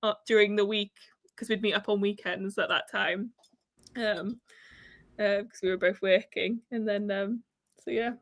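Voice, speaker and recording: A Welsh woman co-hosts a livestream, chatting casually and reading out viewer comments with plenty of fillers and giggles. Her accent blends Welsh, northern English and Northern Irish, and her mid-range voice is fairly even and measured, with no room sound.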